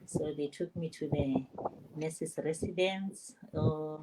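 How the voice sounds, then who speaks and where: An older woman from South Africa, a nurse and grandmother, telling her story with lively animation on an online panel. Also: sits low, slow, noisy background. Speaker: panel guest.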